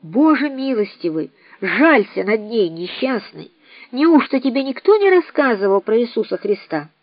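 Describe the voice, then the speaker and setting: A woman voicing a kind, gentle man who speaks softly and earnestly, in an audiobook reading. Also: on the high side, sing-song, moderate pace. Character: kind, gentle grown man, pleading and caring. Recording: dry, slightly dull recording.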